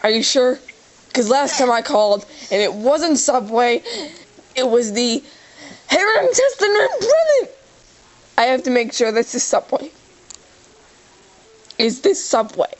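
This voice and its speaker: High-voiced woman making a prank call. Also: fairly even intonation, unhurried, pauses often, rough recording. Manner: feigned confusion turning into mock-tearful whining. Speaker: prank caller.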